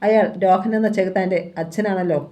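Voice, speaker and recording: A woman's voice: medium pitch, fairly even intonation, a little fast, dark tone, close to an everyday voice. A woman voicing a cold, threatening male killer in a read-aloud crime novel, with a commanding, menacing delivery. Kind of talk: audiobook novel reading.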